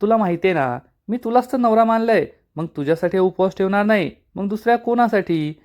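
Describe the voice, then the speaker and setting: A man's voice: on the high side, moderate pace, a little mellow, lightly acted. A man voicing a stubborn, lovesick young village woman who talks back sulkily and turns coy. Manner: sulky, defiant, then coy.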